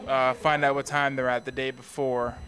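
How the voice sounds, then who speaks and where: A man's voice: medium pitch, little pitch movement, moderate pace, fairly bright tone. A laid-back man chatting offhandedly about a convention he attended. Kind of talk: casual convention recap chat. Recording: crowd chatter behind.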